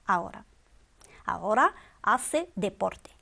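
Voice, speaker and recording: Slow, patient woman teaching grammar. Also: medium pitch, big pitch swings, vocal fry, pushed and bright. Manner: slow, patient drilling with quiz questions. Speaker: Spanish teacher. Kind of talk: grammar lesson.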